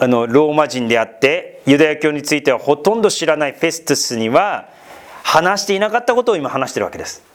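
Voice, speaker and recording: A man preaching an expository Bible sermon, talking to his listeners with questions and asides. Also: a little high. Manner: lively, rising and falling delivery with asides to listeners. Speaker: pastor.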